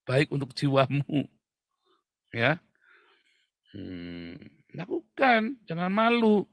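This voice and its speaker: Gravelly joking male preacher. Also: huge pitch swings, slow pace, no room sound, clean studio sound. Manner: joking, swings between low murmurs and loud shouts. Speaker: pastor. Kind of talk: casual sermon.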